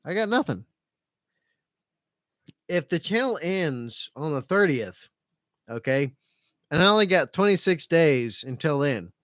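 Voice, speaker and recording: A man's voice: a little high, very animated, a little slow, pauses often, fairly bright tone, no room sound, clean studio sound. A man hosting a casual live stream, reading out chat comments and rambling repetitively in a self-pitying, resigned, sweary way. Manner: rambling and repetitive, circling back over phrases.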